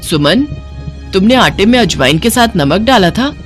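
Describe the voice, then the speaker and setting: A woman's voice: medium pitch, expressive, normal speed, soft background music, close to an everyday voice. A woman voicing an older, strict mother-in-law in a cartoon, scolding and firm. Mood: stern. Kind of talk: cartoon voice acting.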